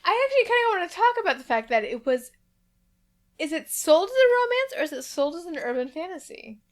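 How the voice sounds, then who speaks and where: A tipsy woman co-hosts a casual book-chat podcast. Her voice sits high, and she swings widely in pitch as she talks. She speaks bluntly and drops swear words with ease. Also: very animated, a little fast. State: tipsy, drunk. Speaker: podcast co-host.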